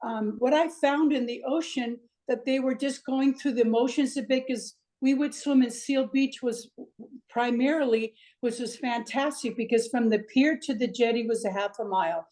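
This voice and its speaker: With a fairly high pitch and warm tone at normal speed, an older Icelandic swim coach chats reflectively through an interview on a video call, filling her speech with lots of fillers.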